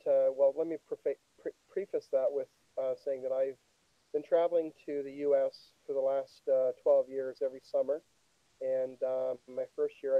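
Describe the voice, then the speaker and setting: A middle-aged or older man from Canada talking haltingly and apologetically, muddy through a speaker rigged up as a microphone. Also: mid-range voice, no echo. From Toronto, Canada. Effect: muddy sound of a speaker used as a microphone. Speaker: call-in guest. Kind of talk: hesitant casual account. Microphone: computer speaker wired up as a microphone. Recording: muffled phone-like jury-rigged speaker mic.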